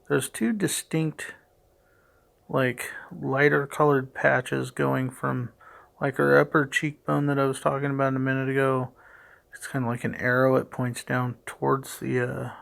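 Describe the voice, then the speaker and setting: A middle-aged man with a gravelly voice and heavy audible breathing, giving hesitant, puzzled, matter-of-fact unscripted play-by-play narration. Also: medium pitch, a bit bright. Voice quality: gravelly, creaky. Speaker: father doing a voice-over for his daughter's makeup video.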